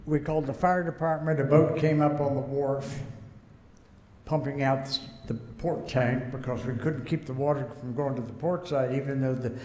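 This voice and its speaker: A man's voice: medium pitch, steady tone, normal speed, mellow. An older American man telling a rambling, folksy story as a guest speaker, chuckling now and then. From United States. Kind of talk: anecdotal storytelling speech. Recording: echoey hall, faint background noise.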